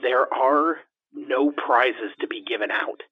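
A man's voice: mid-range voice, slow pace, slightly rough. A man playing a nervous, gossiping building landlord who stammers and rambles conspiratorially, his voice run through a muffled disguise filter for a comedy podcast. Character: jittery gossiping male building landlord in hiding. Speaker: interviewee. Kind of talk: improvised comedy podcast parody.

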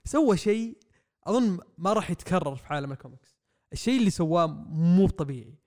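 A young man, rambling excitedly through a comic review on a podcast mic. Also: high-pitched, fast talker. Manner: excitable, rambling, acts out quotes. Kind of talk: casual podcast review chat. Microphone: podcast microphone.

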